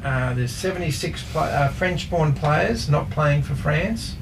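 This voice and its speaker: A man, talking football facts in a casual radio chat, slow and hesitant with many fillers. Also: fairly high pitch, vocal fry, background noise. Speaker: football pundit.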